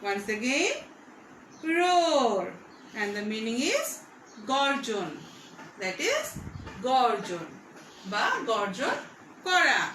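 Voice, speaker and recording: A woman with a Bangladeshi accent, teaching young pupils an English word online. She talks slowly, stretches her words and repeats them to coax the class along. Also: a little high, huge pitch swings, sharp tone, roomy sound, distant mic, a little hiss or hum, poor audio. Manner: slow, drawn-out and repetitive, coaxing young pupils. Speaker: primary school teacher. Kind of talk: online English vocabulary lesson.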